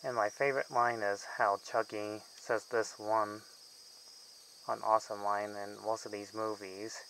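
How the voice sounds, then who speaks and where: A man's voice: lowish voice, level tone, unhurried, fairly bright tone, slight background noise, rough recording. A man giving a casual, rambling film review vlog, with loosely strung sentences that often trail off mid-thought. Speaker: movie reviewer.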